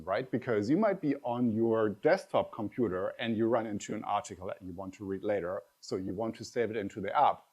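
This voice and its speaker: A middle-aged conference speaker, a native German speaker, gives a lively, conversational tech talk and speaks directly to the audience. His voice sits somewhat low.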